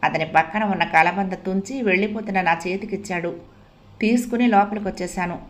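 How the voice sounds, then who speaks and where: A woman narrating a family story as an audiobook, in a soft, reflective first-person telling. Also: medium pitch, brisk.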